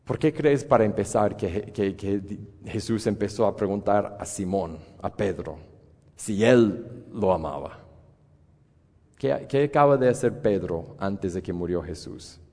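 A man's voice: on the low side, measured pace, a little mellow. A man preaching a sermon, retelling a Bible story with many restarts and repeated words and putting questions to the listeners. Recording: long hall reverb.

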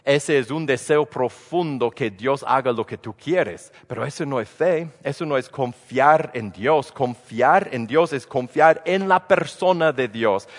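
A man preaching a sermon in a conversational way, with speech, full of restarts and rhetorical questions. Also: a little high. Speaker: pastor. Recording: long hall reverb.

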